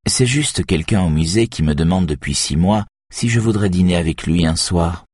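A soft-spoken adult woman in a recorded novel, light and teasing but anxious underneath, voiced by a male narrator. Her lines ride higher than his natural bass, with a faint huskiness, and the recording is close and dry. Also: fairly quick, slightly rough, no echo.

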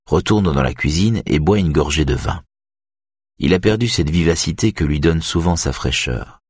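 A male audiobook narrator with an extremely low, husky voice, reading in a steady measured way. The recording is close and dry, with no room sound. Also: no echo. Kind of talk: scripted narration.

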